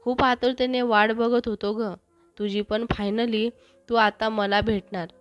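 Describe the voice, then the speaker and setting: A woman voicing an overjoyed young man in love, talking in an eager, softly gushing way in a storybook. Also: a little high, level tone, unhurried, faint music behind, close to an everyday voice. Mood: tender.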